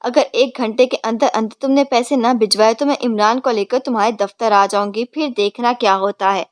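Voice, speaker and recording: A woman's voice: fairly high pitch, fairly even intonation, no echo, clean studio sound, natural voice. A woman voicing a fierce, doting older mother who scolds her husband in an angry tone. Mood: scolding.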